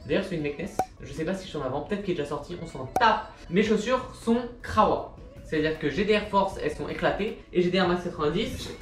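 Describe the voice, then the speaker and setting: A man's voice: fairly high pitch, very fast, hardly any pauses. A man in his twenties vlogging casually about sneakers, rambling and joking at his own expense. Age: 20s. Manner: rambling, chatty, self-mocking asides. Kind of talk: casual vlog chat. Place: indoor room with a machine running. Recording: echoey room recording. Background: machine noise and soft music.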